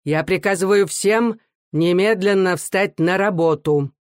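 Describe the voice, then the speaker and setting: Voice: medium pitch, a little slow, dry recording, voice pushed up, natural voice. A reader voicing a stern middle-aged factory director who speaks dryly and curtly, giving orders. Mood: cold, imperious. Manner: dry, curt and commanding. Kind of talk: audiobook character voice.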